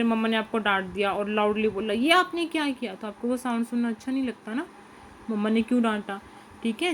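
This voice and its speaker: Her voice a little high, a woman teacher reads English lines slowly to young children, then asks and answers her own questions in Hindi. The recording is low quality, with slight background noise.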